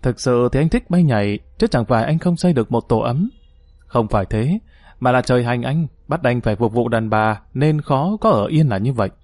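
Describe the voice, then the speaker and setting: A man's voice: medium pitch, expressive, a little fast, a little mellow, no room sound, close to an everyday voice. A man voicing a confident, protective leader who speaks in an easy-going, assured way, recorded dry. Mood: jovial.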